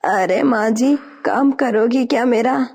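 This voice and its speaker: Cartoon mother-in-law bird, spiteful, bossy, gravelly high voice, a woman voicing her. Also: darkish tone. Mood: grumbling. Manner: scolding, bossy. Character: old female sparrow, spiteful mother-in-law.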